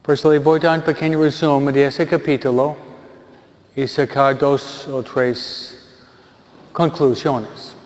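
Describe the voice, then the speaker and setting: Slow-speaking priest in an echoing church. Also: male voice, medium pitch, little pitch movement, a little mellow. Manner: slow, simple retelling with pauses. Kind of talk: funeral homily. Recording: lo-fi recording in a reverberant church.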